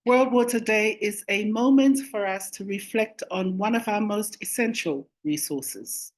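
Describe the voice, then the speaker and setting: A woman delivering a formal, measured welcome address as a chairperson. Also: mid-range voice. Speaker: government chief executive and task force chair. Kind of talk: formal prepared welcome speech.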